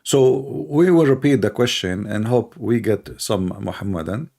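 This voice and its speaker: Gravelly, husky older man. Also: medium pitch, unhurried, a little mellow. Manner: sarcastic, mocking, rambling with many fillers. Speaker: host. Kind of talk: casual monologue.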